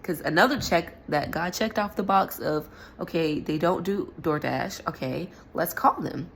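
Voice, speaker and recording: Animated young woman telling a story. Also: measured pace, creaky, a little hiss or hum. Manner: animated, slangy, laughs often, swings into high exclaiming. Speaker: vlogger. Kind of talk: casual storytelling vlog.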